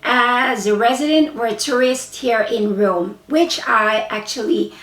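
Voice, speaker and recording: A woman with a Filipino accent talks casually to her viewers in a slow, meandering way, often stopping to correct herself. Her voice sits a little high. She sounds distant from the mic in a reverberant room. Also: a bit bright. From Philippines. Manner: chatty, rambling, frequent self-corrections. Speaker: vlogger and English teacher. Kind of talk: casual chat to camera. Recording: roomy, voice from a distance.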